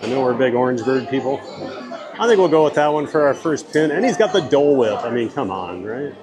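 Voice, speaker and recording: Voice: mid-range voice, animated, brisk, crowd noise. A livestream vlogger chatting casually, politely and upbeat while out at a theme park. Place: theme park shops and walkways. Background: loud background music.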